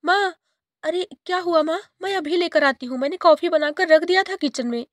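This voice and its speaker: A tiny girl sparrow from a cartoon storybook, squeaky and high, pleading in a small tearful voice, as a woman puts her on. The sound is close and dry, with no room around it. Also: moderate pace, no echo. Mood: anxious. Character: cheerful then grieving little girl sparrow.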